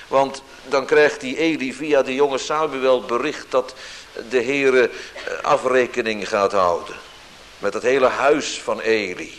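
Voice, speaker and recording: A man preaching a sermon in a solemn, measured way, with archaic biblical phrasing and rising emphasis. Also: medium pitch. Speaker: pastor.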